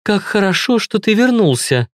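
Young wife, worried, quips to hide it; male narrator lifts pitch, dry close read. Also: sing-song, no room sound. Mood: relieved. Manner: teasing, brisk. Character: young woman, worried yet joking wife. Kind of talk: audiobook dialogue.

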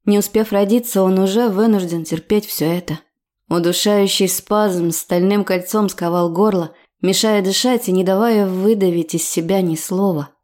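Woman, audiobook narration, first person, emotional, expressive reading. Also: mid-range voice, moderate pace.

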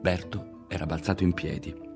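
A man reading a literary novel aloud in a measured, quietly dramatic way, close to the mic. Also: deep voice, steady tone, creaky, music in the background. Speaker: audiobook reader.

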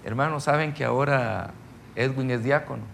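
A man's voice: medium pitch, moderate pace, vocal fry, slight background noise. A middle-aged man, teaching a ministry seminar in a folksy, conversational sermon style, telling stories and checking that listeners follow.

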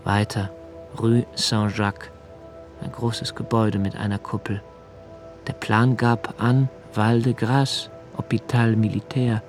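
An actor with a lowish, fairly flat male voice performs a monologue in a literary radio play as an anxious, solitary young writer. His halting, pensive delivery sometimes drops to near-whispers and sounds brooding and observant, with soft music in the background.

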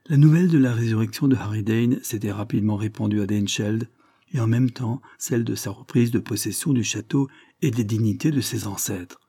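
A man reading a novel aloud in a steady, measured narration. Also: medium pitch, slightly rough, no room sound, studio quality. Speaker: audiobook reader. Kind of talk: literary narration.

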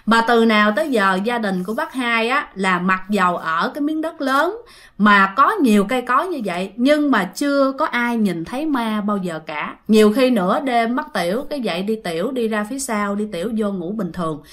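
A woman's voice: a little high, lively intonation, moderate pace, a bit bright. A woman telling a ghost story in a chatty, casual way, speaking directly to her listeners.

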